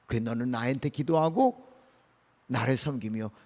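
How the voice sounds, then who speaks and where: A man's voice: mid-range voice, measured pace, a little mellow, long reverb tail, natural voice. A male pastor voicing God as a doting, protective father who scolds troublemakers and reassures his children. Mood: tender. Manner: fond, chiding, colloquial.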